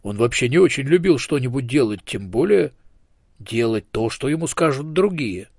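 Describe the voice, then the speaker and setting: A man's voice: medium pitch, gravelly, dry recording, studio quality. Man narrating a children's audiobook. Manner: even, measured storytelling.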